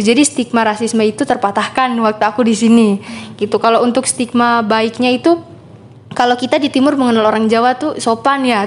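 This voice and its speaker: A young woman, speaking slowly and hesitantly as an interview guest, laughing often. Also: a little high. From Papua. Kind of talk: casual interview chat.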